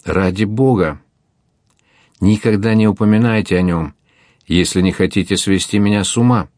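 A fierce, anguished young captain, as a man reads him aloud pours out his words in an impassioned, declamatory way. The voice sits very low and the sound is dry and close, like an audiobook. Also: moderate pace, a little mellow, no room sound, natural voice. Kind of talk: audiobook character reading.

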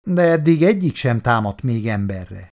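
A man's voice: mid-range voice, big pitch swings, a little mellow. A male narrator voicing a suspicious, grumbling male colonist who mutters his lines.

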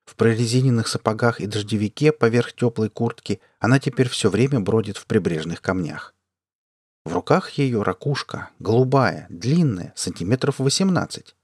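A man reading a science fiction story aloud as an audiobook narrator, in an even, measured way. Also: fairly low pitch, husky, dry recording, clean studio sound. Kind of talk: scripted narration.

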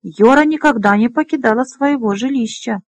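A woman's voice: on the high side, brisk, a little mellow, no room sound, natural voice. A woman voicing a drowsy, fretful older male dragonrider who mumbles hesitantly, in a fantasy audiobook. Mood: mumbling.

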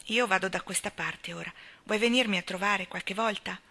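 A woman voicing a guarded, serious young wife in a quiet, half-whispered delivery. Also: medium pitch, moderate pace. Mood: reserved.

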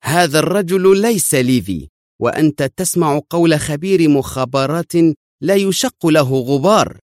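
A man's voice: deep voice, lively intonation, normal speed, darkish tone, breathy edge, dry recording, clean studio sound. A man voicing a shrewd, suspicious intelligence general who talks in a probing, stern way. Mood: insistent tense.

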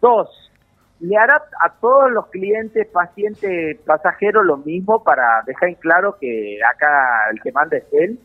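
An Argentine comedian telling a story on a radio show, acting out the lines of the people in it. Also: male voice, high-pitched, unhurried. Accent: Argentine Spanish. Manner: animated storyteller acting out dialogue. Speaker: comedian guest. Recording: tinny phone line.

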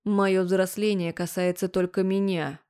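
A woman's voice: mid-range voice, level tone, unhurried, mellow, clear, resonant tone, natural voice. A woman voicing a defiant, sarcastic young heroine in an audiobook. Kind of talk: audiobook character voice.

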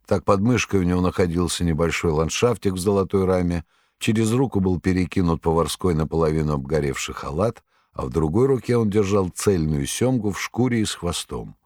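Male audiobook narrator; low, gravelly, expressive, dry studio sound. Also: a little fast, no echo. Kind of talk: scripted literary narration.

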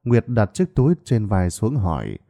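A man narrating a ghost story in an expressive, dramatic reading. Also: fairly low pitch, normal speed, creaky. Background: faint background music.

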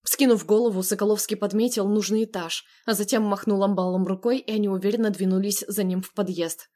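A woman narrating a first-person story in a steady, expressive storytelling voice. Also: mid-range voice, a little fast. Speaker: audiobook narrator.

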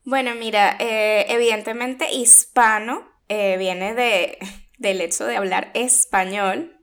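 A woman's voice: medium pitch, steady tone, slow pace, fairly bright tone. A woman with a Caribbean Spanish accent co-hosting a casual podcast, chatty and playful. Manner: chatty and playful, laughing between points. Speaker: podcast co-host. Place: living in France.

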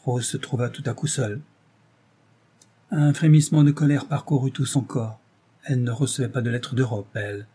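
A man narrating a novel as an audiobook in a measured, even storytelling manner. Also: medium pitch, husky.

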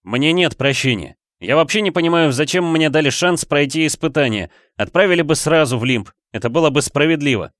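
A man voicing an anguished, guilt-ridden young man who is quick to fly into a rage, raised well above his own voice. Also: fairly high pitch, lively intonation, no echo, clean studio sound, voice pushed up. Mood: furious. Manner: tense, shouting outbursts. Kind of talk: audiobook character voice.

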